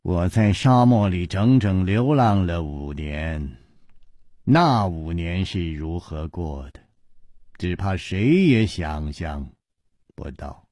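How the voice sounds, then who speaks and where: A man's voice: expressive, slow, darkish tone, dry recording, clean studio sound, heavily acted. A man voicing a proud but crippled wealthy man who speaks with weary, bitter restraint. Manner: low, subdued, bitter wry tone.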